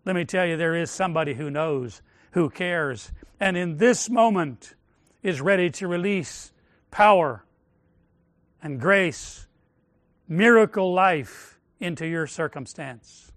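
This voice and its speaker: High-voiced preaching pastor, man. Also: takes it slowly, no room sound, clean studio sound. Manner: declaring and praying, swinging between loud and hushed. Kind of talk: sermon.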